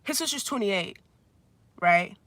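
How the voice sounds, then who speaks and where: A bright-ish mid-range voice, expressive and unhurried, carries a twenties vlogger's casual storytime rant recorded at a friend's house with no room sound. They ramble, saying "like" constantly and swearing bluntly.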